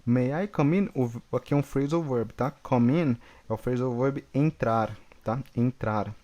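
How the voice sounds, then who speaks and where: A man's voice: mid-range voice, dark tone, muffled recording. Patient Brazilian-born male English teacher. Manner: patient, repeats examples slowly, checks in with "tá bom, pessoal?". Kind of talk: online English lesson.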